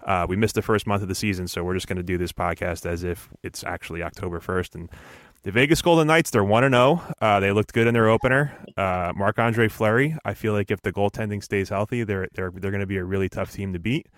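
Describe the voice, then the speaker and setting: A man hosting a casual sports podcast, rambling along with deadpan jokes and stumbling over repeated words. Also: lowish voice, fast, no room sound, studio quality. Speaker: podcast host.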